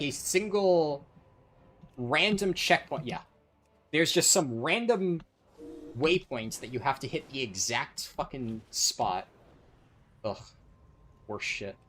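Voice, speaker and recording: A man livestreams a game in a casual, sardonic, sweary way. His voice sits at an average pitch, with faint background noise under the talk. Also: fairly bright tone. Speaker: live streamer, speedrunner. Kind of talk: casual gaming livestream chat and commentary.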